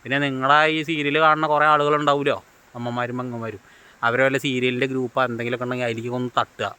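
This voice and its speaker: A man's voice: medium pitch, level tone, racing, pushed and bright, clear, resonant tone. A man giving a casual, rambling recap of a TV serial episode outdoors, with frequent restarts and passing vehicles behind. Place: outdoors beside a road.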